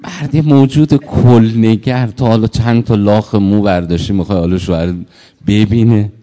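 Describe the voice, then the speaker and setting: A man with a low, mellow voice gives a sermon full of anecdotes, slipping into the voices of the people in his stories. His words ring out with a long reverb, as if spoken in a large hall. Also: steady tone. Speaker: preacher.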